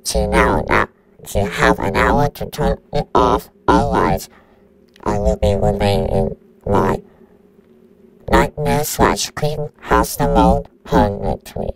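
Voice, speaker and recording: A man's voice: lowish voice, slow, vocal fry, a loud crowd, poor audio. A synthetic male voice playing a menacing computer virus that announces countdowns in a robotic tone.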